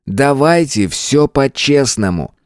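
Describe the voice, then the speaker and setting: A man reading an audiobook and voicing a callous young male shooter who mocks and threatens his hostages in a raised, deliberate voice. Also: medium pitch, lively intonation, no room sound, studio quality, voice pushed up. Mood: mocking. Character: cold menacing young male school shooter.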